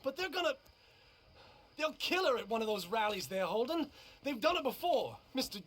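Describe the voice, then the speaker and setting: A man's voice: extremely high pitch, sing-song, normal speed, fairly bright tone, exaggerated voice. An earnest young man in a video game, always on edge. He pleads and frets, and his voice swings widely up and down. He speeds up when worked up. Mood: anxious. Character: nervous young man from a rough family, earnest. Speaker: game character. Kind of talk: video game cutscene acting.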